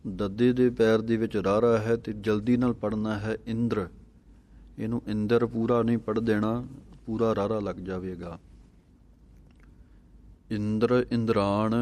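Male recitation teacher, low steady voice, slow and careful delivery. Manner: chants verses slowly, then explains spelling in a measured tone. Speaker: scripture pronunciation teacher.

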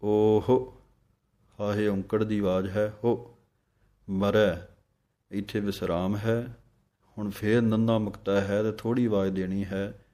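A man teaching recitation, chanting each line slowly and deliberately, then explaining it. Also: fairly low pitch, level tone, warm tone. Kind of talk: pronunciation lesson with slow recitation.

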